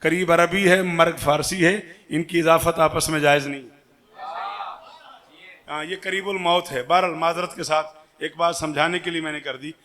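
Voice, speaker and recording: A man delivers a religious majlis address in a high, lifted voice. He is animated and calls out to his listeners by name, rising into loud emphatic bursts. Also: normal speed. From Pakistan. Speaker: majlis speaker. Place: large imambargah hall with audience.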